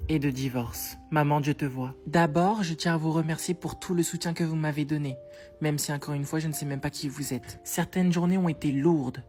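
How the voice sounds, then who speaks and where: A woman reading a mock-sincere letter to her followers in a deadpan, soft manner. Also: sits low, a little fast, faint music behind. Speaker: comedy creator.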